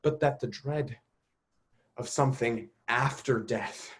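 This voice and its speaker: A man's voice: mid-range voice, slow pace, close to an everyday voice. A man acting a melancholy young prince, speaking a soliloquy thoughtfully with bursts of intensity. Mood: brooding. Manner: contemplative, rising to bursts of intensity. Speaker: actor. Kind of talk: Shakespearean soliloquy.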